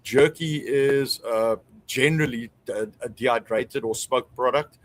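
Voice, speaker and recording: A man with a South African accent, a small business owner appearing as a guest, chats casually in a good-humored, easygoing way. His medium-pitched voice moves at a measured pace, though the audio quality is poor.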